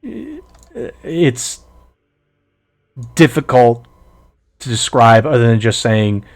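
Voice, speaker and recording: A man narrating a tabletop game as game master, lively and halting with fillers. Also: mid-range voice.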